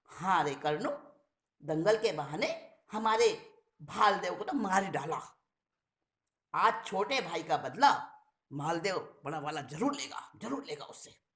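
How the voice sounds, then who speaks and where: A woman voicing a kindly old village uncle who speaks slowly and gravely. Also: lowish voice, lively intonation, fairly bright tone, reverberant.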